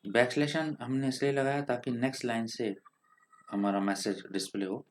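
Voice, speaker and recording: A man's voice: mid-range voice, normal speed, a little hiss or hum. A man with an Indian accent teaching programming step by step in a screen-recorded coding tutorial. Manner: patient step-by-step explaining, mixes English terms.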